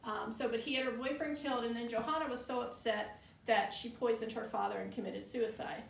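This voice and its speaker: A woman's voice: on the high side, steady tone, brisk, vocal fry. A woman working as a tour guide, telling local legends informally in a conversational, skeptical, matter-of-fact way. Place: indoor room of an old bar building. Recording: roomy echo, distant mic, faint noise.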